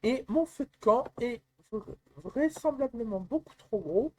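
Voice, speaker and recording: Slow, high-voiced woman explaining software. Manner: calm, step-by-step explaining with some hesitations. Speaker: software tutorial presenter. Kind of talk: screen-recorded software tutorial.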